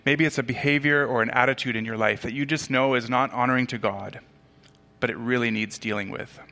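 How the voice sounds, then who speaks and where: A man who grew up in Tanzania, a pastor giving a conversational sermon with casual asides and quick self-corrections. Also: medium pitch, steady tone, gravelly, pushed and bright.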